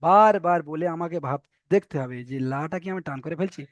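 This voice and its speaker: A man teaching a Quran reading lesson, spelling out Arabic letters and patiently repeating each syllable slowly for his students. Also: fairly high pitch, dry recording, lo-fi sound. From Bengal.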